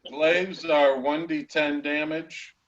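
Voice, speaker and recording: A man acting as game master, narrating and explaining a tabletop game haltingly, pausing mid-sentence. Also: fairly high pitch, steady tone, dull audio, slight background noise.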